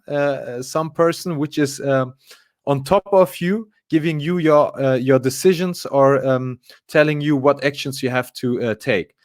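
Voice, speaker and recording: A man's voice: on the high side, no room sound, studio quality. A man, a guest in a casual live interview, talking with many fillers and restarts. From Germany. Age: 20s.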